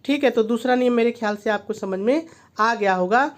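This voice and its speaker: A man's voice: very high-pitched, fairly quick. A male teacher giving a video lesson, who asks himself why and then answers, repeating each key point. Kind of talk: classroom-style video lesson.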